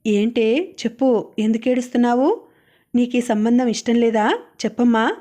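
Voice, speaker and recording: A woman reading as a gentle older mistress of the house, soft coaxing voice, mellow tone, fairly high, storybook audiobook. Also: steady tone, moderate pace, close to an everyday voice. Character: gentle older lady of the house, kind and caring.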